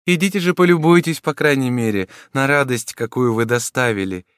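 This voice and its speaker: A man's voice: medium pitch, brisk, fairly bright tone, smooth, no room sound, clean studio sound, pitched above the performer's own voice, natural voice. A man reading an audiobook voices a young noble lady, earnest and pleading. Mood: impassioned. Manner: pleading, exclamatory.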